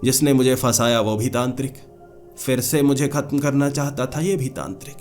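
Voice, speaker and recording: A man's voice: medium pitch, normal speed, darkish tone, faint music behind, natural voice. A man voicing a cursed, hot-tempered old female witch spirit who talks in a pleading, lovelorn way in a spoken horror story.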